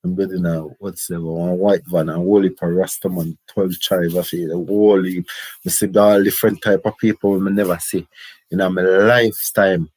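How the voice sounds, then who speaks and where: Husky low-voiced Jamaican man. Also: fairly even intonation, normal speed, a little mellow, no echo, rough recording. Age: middle-aged. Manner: rambling, patois-heavy storytelling. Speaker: storyteller recounting his life. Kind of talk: casual autobiographical chat.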